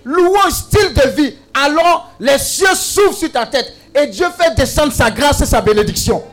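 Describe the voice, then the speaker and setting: A male preacher with a strikingly high voice that leaps around, shouting, teasing and calling on the congregation to answer. He preaches over a faint bed of music. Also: animated, measured pace. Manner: exclamatory, call-and-response with the congregation; humorous asides and teasing. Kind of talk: sermon.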